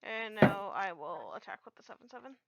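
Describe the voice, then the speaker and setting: A woman's voice: mid-range voice, lively intonation, a little fast, creaky, fairly bright tone, no room sound. A woman streaming a card game in casual chat, hesitant with many ums and the odd swear word.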